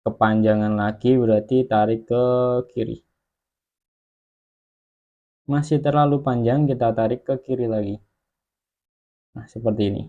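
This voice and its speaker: A man at an ordinary middle pitch narrates a video editing lesson from his screen. He explains at an unhurried pace, one step at a time, while he works. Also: steady tone, phone-quality sound. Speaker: online course instructor.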